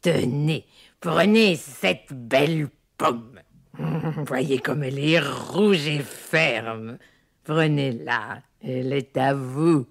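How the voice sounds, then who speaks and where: An actress voicing a wicked queen disguised as an old witch, sly and wheedling, in a storybook recording with soft music behind. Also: very deep voice, very slow, exaggerated voice. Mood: coaxing. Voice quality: creaky, husky old crone voice.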